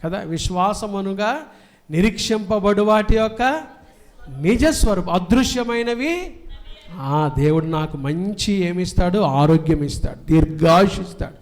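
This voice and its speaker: A male pastor preaching a sermon, calling out questions for the congregation to answer aloud and swinging between loud proclamations and soft asides. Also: high-pitched, lively intonation, unhurried.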